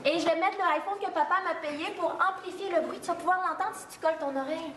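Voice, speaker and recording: A woman's voice: very high-pitched, fast, a bit bright. A woman playing a naive, lovestruck young girl in melodramatic improv comedy, with a Quebec French accent. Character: lovestruck, naive young Sophie pining for her sweetheart. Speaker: improv player. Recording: echoey hall, distant mic, crowd noise.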